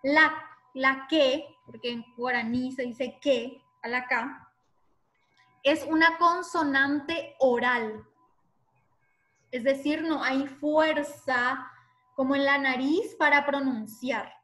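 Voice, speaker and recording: A woman teaching an online class, explaining slowly and patiently and spelling out sounds one by one. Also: high voice, steady tone, pushed and bright.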